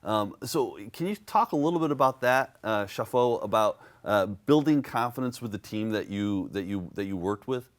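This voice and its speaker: A man with a fairly low voice hosts a public affairs conversation. He asks his guests questions in a measured way, pausing on fillers as he goes. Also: animated. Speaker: host.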